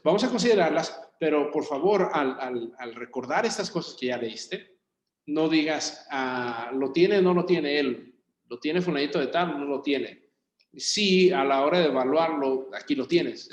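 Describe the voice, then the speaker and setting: A man, a pastor leading a Bible study in a church room, talking conversationally and putting questions to his group. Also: mid-range voice. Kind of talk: interactive Bible study teaching. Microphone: room recording for a video call. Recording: roomy echo.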